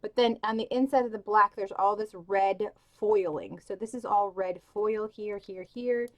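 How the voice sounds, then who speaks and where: A young woman chats to camera about books in a casual, gushing way, her speech loose and full of "like" and "um". Her voice sits at an ordinary middle pitch, and she has the hiccups. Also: moderate pace, dull audio. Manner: gushing, filler-heavy, with many "like" and "um". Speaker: book vlogger.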